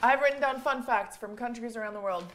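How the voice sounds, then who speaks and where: A woman with a fairly high voice chats casually with friends, laughing easily. A little background noise sits under her voice. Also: fast, fairly bright tone. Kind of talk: casual chat on a group stream.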